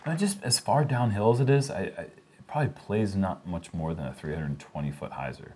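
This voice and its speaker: Deep-voiced man calling disc golf. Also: a little fast, warm tone, a little hiss or hum. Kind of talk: casual play-by-play sports commentary.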